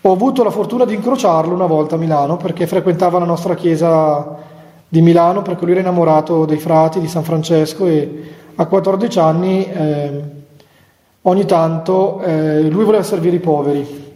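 Male friar preaching a relaxed retreat talk, higher voice, mellow tone, chatty with wry asides; echoey hall. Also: fairly quick. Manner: chatty, with humorous asides and chuckles. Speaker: Franciscan friar giving a retreat talk to nuns. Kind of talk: conversational spiritual talk. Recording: echoey hall with long reverb.

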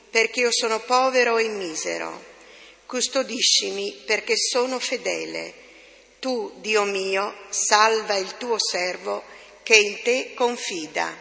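Female lector, measured scripture reading, gravelly, long reverb. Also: mid-range voice, sharp tone. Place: church.

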